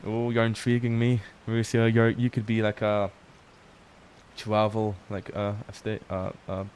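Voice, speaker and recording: A young man with a low voice talks to his stream at a late hour, sounding worn out. His delivery stays flat and relaxed, full of swearing and remarks to chat. Faint ambient game sound sits quietly behind him. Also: moderate pace, slight background noise. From Scotland. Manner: relaxed, swears often, reads chat aloud. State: tired. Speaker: livestream host.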